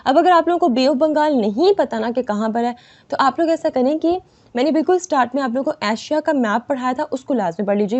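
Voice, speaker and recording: Higher-pitched woman teacher, dull lo-fi audio. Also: a little mellow. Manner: reads English lines slowly then explains in Urdu, repeats "theek hai" constantly. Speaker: exam prep teacher. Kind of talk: screen-share lesson. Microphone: voice-over on screen recording. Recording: dull lo-fi voice-over.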